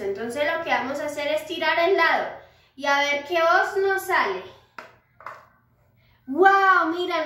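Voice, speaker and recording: High-voiced teacher, echoey room. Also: female voice. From Colombia. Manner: gentle, patient, asks "¿verdad?" often. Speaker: music teacher. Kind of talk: recorded lesson for young children. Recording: echoey room, far from mic.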